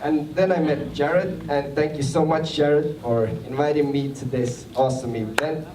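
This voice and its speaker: A man from Estonia thanks people from the stage, hesitant and full of fillers. He sounds distant in a roomy hall. A crowd murmurs loudly around him. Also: a little high, steady tone, normal speed. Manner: hesitant, many fillers and restarts. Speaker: award winner giving a speech. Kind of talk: halting acceptance speech. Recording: roomy hall audio from far off with crowd noise.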